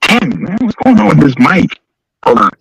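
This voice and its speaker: A man's voice: on the high side, big pitch swings, vocal fry, a bit bright, breathy edge, no room sound, rough recording. A man calling into a sports talk show, repeating himself over a call that keeps breaking up and dropping out. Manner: fast and casual, repeating himself to be heard. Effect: choppy call breaking up and dropping out.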